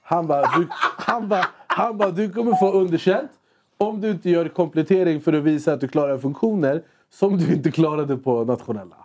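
A man's voice: a little high, a little hiss or hum. A young man co-hosting a casual chat, telling a story animatedly and acting out both sides of a conversation. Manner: animated, quotes himself and others in quick bursts. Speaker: podcast co-host.

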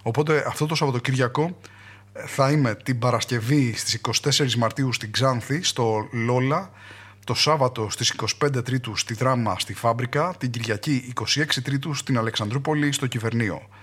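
A man's voice: a bit bright, husky. A man in his thirties, a congested comedian and host, delivering a sarcastic satirical monologue. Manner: sarcastic, mock-earnest, rising to high-pitched outbursts. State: congested, has a cold.

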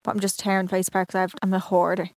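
A woman in her twenties with a Dublin Irish accent, co-hosting a podcast, bubbly and quick to laugh. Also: medium pitch, flat delivery, no room sound, clean studio sound. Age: 20s. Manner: bubbly, rapid, laughs often. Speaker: podcast co-host. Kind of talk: casual chat.

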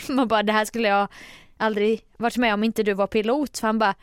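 A woman's voice: mid-range voice, fairly even intonation, clear, resonant tone, dry recording, clean studio sound. A woman co-hosting a podcast in casual chat, teasing her co-host and laughing often.

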